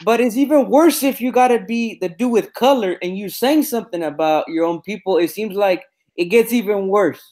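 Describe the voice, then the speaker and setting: A man's voice: high voice, moderate pace, hardly any pauses, darkish tone. Rambling man with a Mexican Spanish accent. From United States. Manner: rambling, restarts often. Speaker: host. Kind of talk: casual panel chat.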